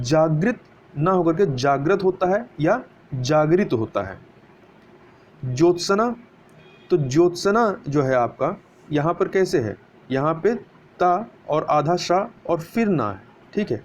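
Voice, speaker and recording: A man's voice: a little high, darkish tone. A man teaching a spelling lesson for exam preparation, explaining step by step and answering his own questions. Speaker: Hindi grammar teacher. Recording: dull lo-fi recording with faint hiss.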